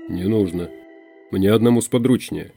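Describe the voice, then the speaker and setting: A man's voice: on the low side, normal speed, vocal fry, warm tone, soft background music. A man playing a terse, matter-of-fact hunter in an audiobook. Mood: calm. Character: terse older male hunter.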